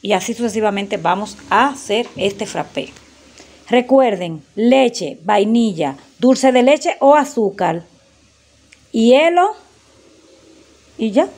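A woman's voice: a little high, lively intonation, slow pace, long pauses, a little mellow. Chatty woman vlogging from her kitchen. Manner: chatty, addresses viewers as girls. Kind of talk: casual chat to viewers while cooking. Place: home kitchen.

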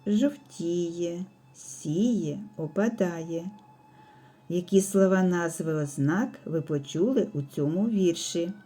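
Slow, soft-spoken woman teaching small children. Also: fairly low pitch, soft background music. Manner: slow, careful, clearly enunciated teacher talk. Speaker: preschool teacher. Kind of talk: speech development lesson for young children.

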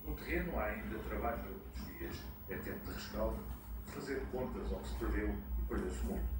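A man with a European Portuguese accent narrating a news report in a solemn, deliberate way. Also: lowish voice. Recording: echoey, distant, loud background noise.

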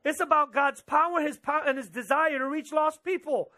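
Standing on an indoor church stage in front of a drum kit, a thirtysomething pastor preaches into a headset mic. His voice is very high, bright and forceful, and his delivery is full of animated gestures and fast quoted asides.

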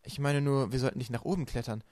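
A man's voice: mid-range voice, fairly even intonation, quick pace, darkish tone, no room sound, natural voice. A man reading an audiobook aloud and voicing a bookish teenage boy, subdued and thoughtful.

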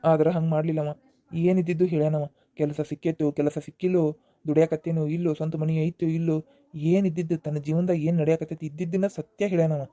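A man voicing a stern, high-voiced cartoon father. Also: level tone, fast, warm tone, no room sound, lightly acted. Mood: approving. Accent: North Karnataka Kannada. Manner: scolding, emotional, repeats himself. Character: aging father of a grown daughter, stern then remorseful. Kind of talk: cartoon voice acting.

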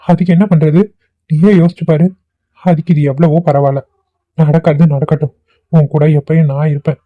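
A calm young husband, played by a man reassures in an even, slightly high voice. The homemade cartoon audio is tinny, phone-like and dry. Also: fairly quick, no echo, close to an everyday voice. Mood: reassuring. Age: young adult. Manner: soothing, steady. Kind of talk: amateur cartoon voice acting.

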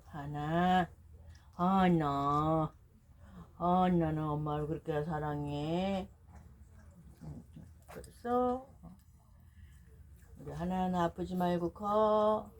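A woman's voice: lowish voice, extremely slow, pauses often. A middle-aged woman at home, cooing to her pet dogs in playful baby talk and repeating words over and over.

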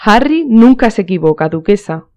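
A woman's voice: mid-range voice, big pitch swings, moderate pace, darkish tone, natural voice. A woman voicing a charming young male aristocrat in a storybook reading, with a light, easy manner.

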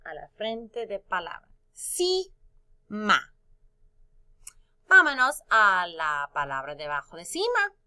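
A woman's voice: fairly low pitch, huge pitch swings, pushed and bright, smooth. A woman teaching a phonics lesson to young children, stretching out syllables and singing little sound cues. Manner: slow and drawn out, sings out syllables and sound cues.

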